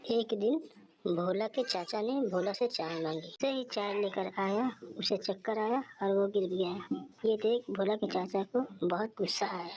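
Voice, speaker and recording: A woman narrating a children's cartoon story in a plain, steady way. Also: medium pitch, moderate pace, a little hiss or hum, poor audio.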